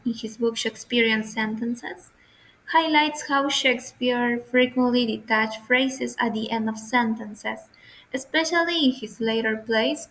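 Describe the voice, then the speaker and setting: Woman, student presenter, reading from slides, unhurried, slightly high voice. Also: a bit bright, low-quality recording. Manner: reads a prepared script, slow and careful.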